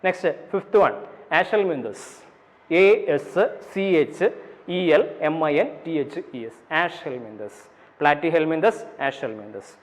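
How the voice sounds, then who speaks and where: A male teacher with a Malayali accent lecturing a class, repeating points, asking and answering his own questions, spelling terms letter by letter and slowing down for definitions. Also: on the high side, lively intonation. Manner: slows down for dictated definitions. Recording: dull audio with long reverb.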